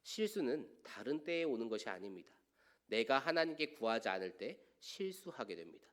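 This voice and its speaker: A man preaching a sermon as pastor to a young adults' service, asking rhetorical questions and letting his lines fall quiet at the ends. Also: medium pitch. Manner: earnest preaching with rhetorical questions, swelling and dropping to quiet line endings. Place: church sanctuary.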